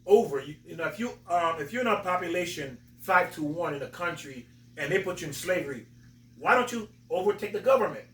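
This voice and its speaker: A man hosting a talk, explaining religious stories in a halting, emphatic storytelling way. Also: a little high, lively intonation, bright, forceful tone, a little hiss or hum. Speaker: host, religious teacher. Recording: roomy echo, distant from mic.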